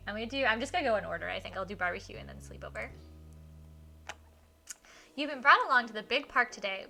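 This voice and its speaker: A woman with a mid-range voice streams a visual novel, reading it aloud and reacting with enthusiasm and expression.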